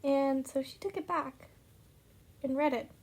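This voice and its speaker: A woman's voice: sits high, unhurried, a little mellow. Chatty young woman recapping a book. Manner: chatty retelling with many "like" fillers. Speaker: book reviewer.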